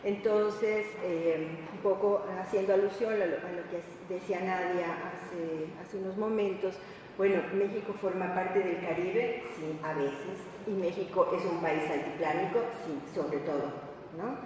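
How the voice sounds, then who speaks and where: A woman with a Mexican Spanish accent and a somewhat low voice presents as an academic researcher on a panel, speaking semi-improvised and reflectively. She halts often to search for words and adds tag questions, recorded from a distance in an echoey indoor hall with faint noise.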